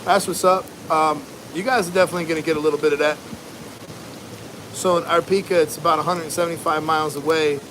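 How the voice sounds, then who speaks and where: A man's voice: fairly high pitch, fairly even intonation. An American man livestreaming casually outdoors, talking in a laid-back, rambling, slangy way over wind. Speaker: livestream host, barber. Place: outdoors at home during a windy storm. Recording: noisy outdoors, loud wind and ambience. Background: wind and rushing water ambience.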